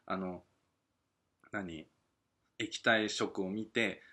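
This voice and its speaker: Man, podcast host, bright voice, lowish pitch, casual rambling solo chat, reading listener questions, chuckling asides. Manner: rambling, musing aloud with chuckles. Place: at home at night.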